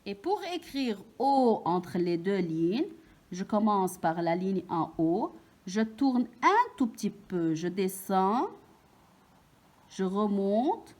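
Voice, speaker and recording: Femme enseignante, très lente et articulée. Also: female voice, mid-range voice, very animated, darkish tone. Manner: slow, clearly articulated, stressing each sound. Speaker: teacher. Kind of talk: early reading lesson for children.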